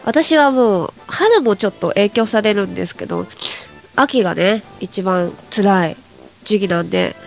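Hosting a solo radio show, a young woman chats and rambles casually to listeners, her nasal, congested voice a product of hay fever. She speaks unhurriedly at medium pitch with vocal fry, over soft background music.

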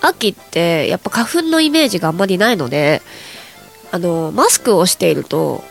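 A young woman with a lowish, nasal, congested voice hosts a chatty solo radio show, rambling casually to her listeners while hay fever leaves her stuffed up. She sounds very animated and talks at a normal speed with some vocal fry, over soft background music.

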